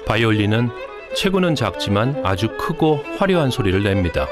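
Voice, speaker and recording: A man reads documentary narration in a calm, explanatory voice. His voice sits slightly low but rises and falls with lively melody. Loud music plays under the voice-over. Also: a little fast.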